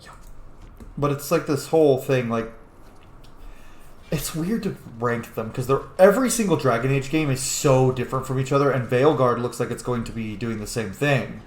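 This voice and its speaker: In a medium-pitched voice at a normal speed, a man hosting a gameplay video rambles casually, offering strong opinions and the occasional curse. It sounds like an echoey room with a little faint noise.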